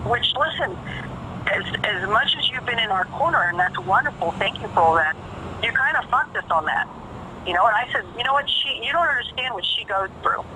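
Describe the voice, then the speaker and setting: A woman's voice: fairly high pitch, noisy background. A woman talking casually on a phone call, emphatic and profane, repeating phrases for stress. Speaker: caller.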